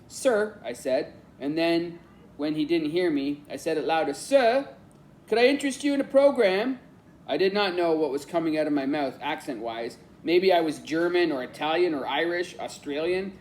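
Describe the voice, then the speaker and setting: A man narrating an audiobook in an even, reflective storytelling manner. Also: on the high side, normal speed, a little hiss or hum. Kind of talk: scripted narration.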